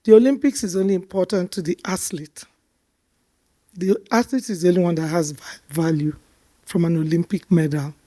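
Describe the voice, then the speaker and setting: A woman's voice: on the low side, normal speed, mellow. A woman speaking emphatically in a panel discussion, repeating phrases for stress.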